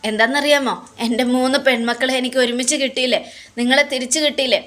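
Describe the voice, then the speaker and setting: A woman's voice: high voice, fairly even intonation, fairly bright tone. A woman voicing a remorseful sick old father. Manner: tearful, halting, stammering pleas.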